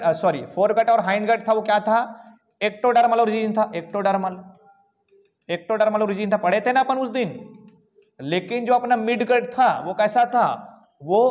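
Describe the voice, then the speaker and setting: A male coaching teacher, teaching a live online class in an informal way, asking questions and then answering them himself. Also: high voice. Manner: repetitive call-and-response questioning; informal, calls students bhaiya and bhai. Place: coaching class, recorded over slides.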